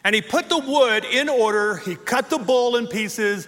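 A man preaching to his congregation, telling the story with lively energy and punching up the quoted lines. His voice sits high for a man and rings bright and forceful. The sound trails off in a long hall reverb. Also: measured pace. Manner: animated storytelling, acts out quotes. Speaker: pastor. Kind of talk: sermon.

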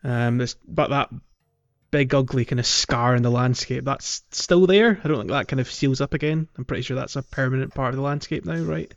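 This podcast co-host is a man with a medium-pitched, brisk voice, trading casual, informal chat and some jokey banter. The audio sounds slightly dull, with music in the background.

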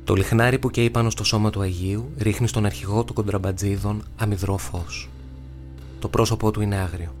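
Deep, flat male audiobook narrator. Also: soft background music. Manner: measured, dramatic pauses. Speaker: actor narrating a novel.

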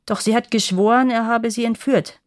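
A woman's voice: on the high side, steady tone, normal speed, no echo, lightly acted. A chatty palace guard from a storybook, dreamy and gossipy, passing on news in a confiding tone, as a woman reads him. The recording is close and dry.

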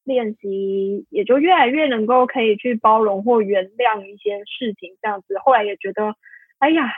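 A woman tells her story in a rambling, heartfelt way, full of fillers and restarts. Her voice is husky and a touch high. It comes through a narrow, phone-like line with no room sound. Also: moderate pace, dry recording. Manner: rambling, many fillers and self-corrections, emotional. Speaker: podcast guest. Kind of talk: candid personal storytelling. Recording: tinny phone-like line, dry.

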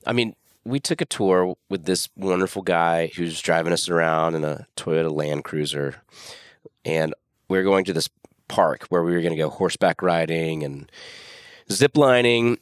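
A man co-hosting a casual podcast, telling stories in an animated way with stumbles and restarts. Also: low voice, dry recording, clean studio sound. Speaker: podcast co-host. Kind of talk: casual chat.

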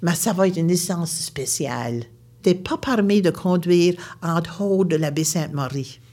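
A woman voicing a stern male driving inspector with a gruff, clipped manner, in a spoken story. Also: fairly low pitch, moderate pace, warm tone, pitched below the performer's own voice.

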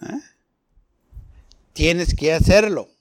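A man with a fairly high voice preaches a fervent sermon, drawing out his words. He fires rhetorical questions at the congregation and acts out the voices of the people he quotes.

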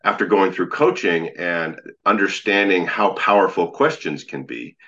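A man with an extremely low, magnetic voice that still has a bright, forceful edge. He speaks conversationally, telling stories as an interview guest. The recording is slightly dull and lo-fi. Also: normal speed. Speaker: podcast guest, leadership coach.

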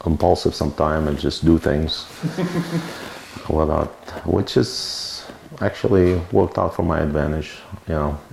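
A Lebanese winemaker with a deep, gravelly, rough voice recalls his life at a winery for an oral history interview, rambling and often correcting himself. His tone is steady, a little slow and a little mellow. The room is echoey, with a light hiss and faint noise in the background.

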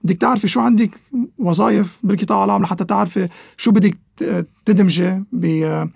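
A man with a Levantine, specifically Lebanese, Arabic accent talks quickly in a high voice with a creaky edge. He explains conversationally, like an expert guest, slipping English words into his sentences. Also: a little mellow, no room sound, clean studio sound. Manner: mixes English terms into Arabic. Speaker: interview guest, economic analyst.

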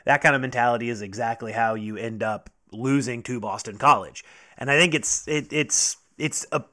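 A man's voice: mid-range voice, moderate pace, sharp tone. A man co-hosting a sports talk show, bluntly reading out stats and teasing his partner. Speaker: co-host.

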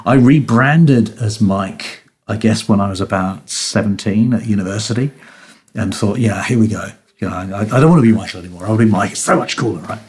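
A man's voice: fairly low pitch, a little fast. New man telling self-deprecating stories. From New Zealand. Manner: self-deprecating storyteller, frequent restarts, laughs at himself. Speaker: guest. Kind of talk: casual interview chat.

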